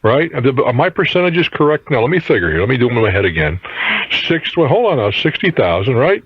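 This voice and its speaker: A radio call-in host gives money advice off the cuff, blunt and argumentative and quick to cut in on callers. His medium-pitched voice is very animated and fast. The unscripted phone-in conversation is on roomy, dull, lo-fi radio tape.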